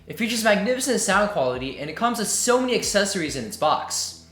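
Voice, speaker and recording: A man's voice: high voice, sing-song, fast, fairly bright tone. A man giving a scripted, upbeat product review into a desk microphone. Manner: upbeat, enthusiastic. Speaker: tech reviewer. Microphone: desk USB condenser mic. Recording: roomy echo, faint music.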